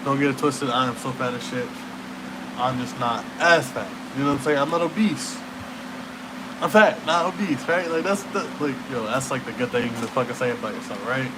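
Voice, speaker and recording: In a brisk, expressive mid-range voice, a young man rambles casually like a relaxed stoner, cursing and using slang as his thoughts trail away and return. The late-night chat is recorded with a clearly noisy room hum behind it.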